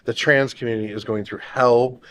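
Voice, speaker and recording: A man co-hosting a casual opinion discussion, speaking earnestly and haltingly. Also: medium pitch, steady tone, a bit bright. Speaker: talk show co-host.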